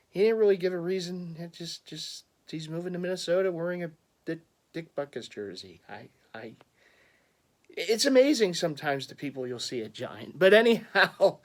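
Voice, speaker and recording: A man's voice: high-pitched, big pitch swings, moderate pace, fairly bright tone. A man, rambling through a casual sports vlog full of stammered restarts and chuckles. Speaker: sports fan vlogger.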